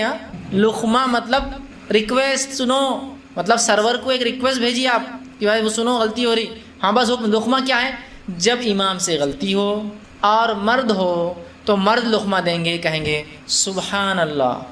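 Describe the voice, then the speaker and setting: This religious lecture comes from an Islamic preacher talking to a live crowd, his voice high-set and fairly bright. He keeps things conversational, quizzing listeners, slipping in English words, and playing out quotes and little scenes with laughter.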